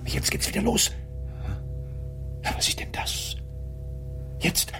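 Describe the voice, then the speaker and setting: An actor playing Sherlock Holmes in a German radio drama, a keen, commanding, excitable detective who often drops to a hushed murmur. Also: male voice, slow pace, music in the background, natural voice. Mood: puzzled, musing. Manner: theatrical, lively, often dropping to a hushed murmur.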